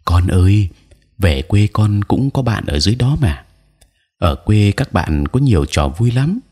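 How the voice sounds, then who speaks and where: A man voicing a gentle, caring young mother in an audio story, speaking softly and coaxingly. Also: fairly low pitch, sing-song, unhurried, voice pushed up. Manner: soft, coaxing.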